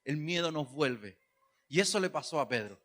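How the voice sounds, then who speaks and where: Male pastor, high bright voice, folksy humorous sermon delivery. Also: lively intonation, moderate pace. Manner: conversational preaching with humor, rising to emphatic calls.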